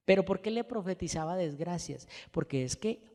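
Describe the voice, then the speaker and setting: Male preacher, high voice, lively delivery of a sermon in a reverberant church hall. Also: normal speed. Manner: animated, acts out the speakers he quotes.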